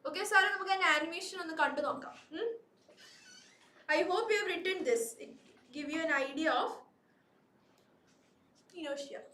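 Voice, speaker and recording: High, bright woman teacher. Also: slow pace, pauses often, far from the mic. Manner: coaxing, repeats prompts to students. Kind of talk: live online class. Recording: echoey room.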